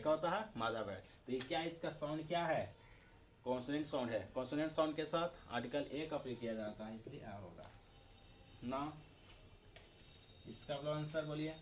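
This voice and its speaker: A man's voice: fairly high pitch, a little hiss or hum. A man with an Indian accent teaching English grammar, asking questions and repeating the answers himself. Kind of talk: classroom-style video lesson in Hindi.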